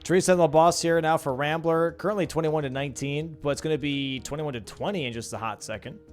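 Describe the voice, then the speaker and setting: A man's voice: fairly high pitch, fast, faint music behind. A young man casting a live video game match, calling the play casually and talking to his stream chat. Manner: casual, slangy, chatting with stream chat between calls. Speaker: caster. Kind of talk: live esports play-by-play commentary.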